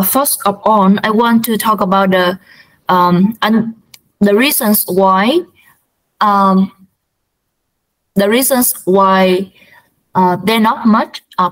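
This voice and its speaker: A woman's voice: mid-range voice, poor audio. A young woman from Vietnam with a Vietnamese accent, speaking English as a student in a practice answer, hesitant and full of fillers. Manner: hesitant, many fillers and restarts.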